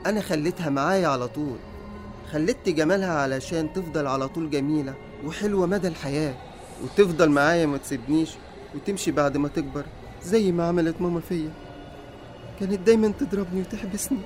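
A man's voice: a little high, fast talker, a little mellow, soft background music, lightly acted. A man doing a creepy doll-loving killer with an Egyptian accent. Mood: creepy dreamy. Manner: creepy, dreamy, turns childlike. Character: unhinged male doll-making killer, childish, creepy.

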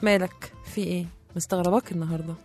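A woman's voice: lowish voice, fairly even intonation, very fast, a little mellow, faint music behind. A woman with an Egyptian accent, teasing and sassy in comedic sketch banter.

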